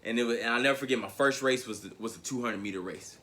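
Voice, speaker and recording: A young man speaks to a crowd, telling his own story as a motivational speaker. His voice is bright and forceful and sits at an ordinary pitch. He talks in a lively way, repeats his words as he goes, and calls the listeners "guys". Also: quick pace. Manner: animated storyteller who repeats words and addresses the audience as guys. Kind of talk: motivational speech, personal storytelling.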